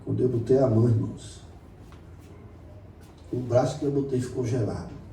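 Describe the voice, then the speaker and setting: A man, a pastor preaching with passion, moving from quiet storytelling to loud exclamations. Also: mid-range voice, normal speed, vocal fry, a little hiss or hum. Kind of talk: sermon. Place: church meeting room. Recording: roomy hall recorded from a distance.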